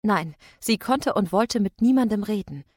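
A woman narrating an audiobook in a measured, steady storytelling manner. She reads into a close studio microphone. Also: medium pitch, dry recording. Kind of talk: scripted narration.

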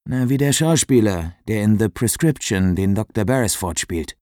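A man voicing a cheerful, newly engaged young man in an audiobook, excited and joking with his friends. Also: lowish voice, moderate pace, dry recording, clean studio sound, natural voice.

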